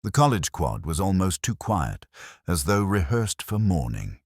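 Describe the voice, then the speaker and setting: A man playing a weary, reflective police inspector, narrating his case in a measured, literary, melancholy way for an audio drama. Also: deep voice, very animated, husky, no room sound, studio quality, heavily acted. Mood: observant, wry. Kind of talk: scripted first-person detective narration, audio drama.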